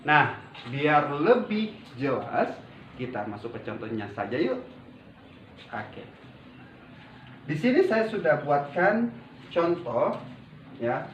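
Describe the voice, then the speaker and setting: A man's voice: mid-range voice, noisy background. A man teaching an English grammar lesson in a classroom, patiently drawing out example sentences. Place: classroom with a whiteboard. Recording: dull roomy sound from a distant mic.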